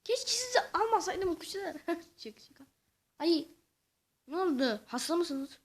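A high-pitched woman narrating her own gameplay for viewers in a lively, excitable way. She talks straight to the audience, then drops into muttered and whispered asides to herself between bursts of chatter. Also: unhurried. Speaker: gaming channel host. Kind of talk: let's-play commentary.

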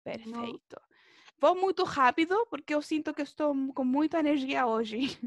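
Brief: woman language teacher, high voice, encouraging, dry close mic. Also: moderate pace, dry recording, muffled recording. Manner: encouraging, drills pronunciation with students. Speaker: Portuguese teacher. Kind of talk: online language class.

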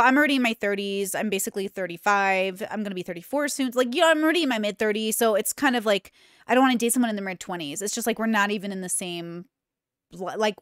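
A woman's voice: medium pitch, no room sound, clean studio sound. A woman in her thirties hosting a podcast, reacting candidly and emphatically to clips in casual commentary from a small home room on a desk microphone. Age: 30s. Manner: chatty, candid, emphatic asides. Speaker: podcast host. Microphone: desk mic on boom arm with earbuds.

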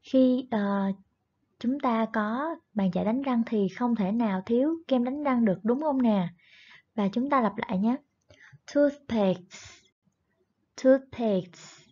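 A woman's voice: a little high, takes it slowly. A woman teaching a primary English class online, patiently explaining words and repeating each one twice. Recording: dull lo-fi recording.

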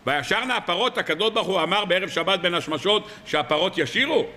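A man preaching as a rabbi, telling stories and firing rhetorical questions at his listeners. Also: high voice. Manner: lively storytelling with rhetorical questions. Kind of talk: weekly sermon.

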